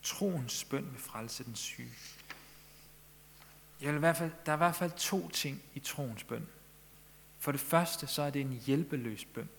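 A man's voice: medium pitch, gravelly, long pauses, fairly bright tone, slight background noise. A man preaching a sermon in Danish-language church style, earnest, pressing his listeners with questions. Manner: earnest, rising emphasis on questions. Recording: long echo of a large hall.

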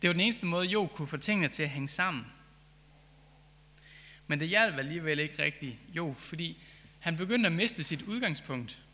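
A man preaches a sermon with earnest conviction, leaning into key phrases as he builds his point. His voice is fairly high and notably bright and forward. It rings out with a long hall reverb, as if spoken in a church. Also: expressive, long pauses. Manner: earnest, reads scripture then reflects with rising emphasis.

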